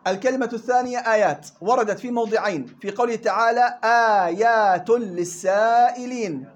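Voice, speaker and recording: A man with a Levantine Arabic accent leads a Quran recitation lesson in a fairly high voice, moving briskly from point to point. He keeps pausing to fire questions at his students and explains each rule in plain colloquial speech. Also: dull audio, a little hiss or hum. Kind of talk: classroom lesson.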